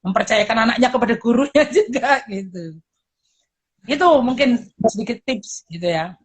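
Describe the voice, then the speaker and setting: A middle-aged woman, a pastor and teacher, chatting casually and lively, acting out parents and children in quick voices and laughing often. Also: on the high side, breathy edge. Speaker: guest speaker, pastor and teacher. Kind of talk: casual chat.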